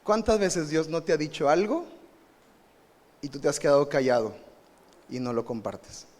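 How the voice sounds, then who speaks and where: High-voiced animated male preacher in a reverberant church. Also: normal speed. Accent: Mexican Spanish. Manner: animated preaching, rising to emphatic bursts, asks the congregation questions. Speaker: pastor. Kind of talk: live sermon. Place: church sanctuary. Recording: live church recording with long reverb.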